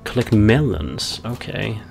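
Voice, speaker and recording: A man's voice: lowish voice, lively intonation, slow pace, creaky, darkish tone, soft background music. A man giving casual, wry game commentary, understated, as if muttering to himself. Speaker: let's-play commentator.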